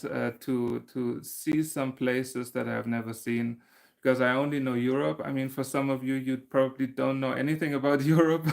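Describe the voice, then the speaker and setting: Chatting through comments on his casual livestream, a German crochet channel host laughs a lot and keeps restarting his sentences. His voice is medium-pitched with vocal fry.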